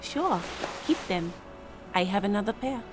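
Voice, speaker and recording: A man's voice: high-pitched, expressive, a little slow, pitched above the performer's own voice. A man voicing a polite, obliging woman gardener in a video game. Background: game music.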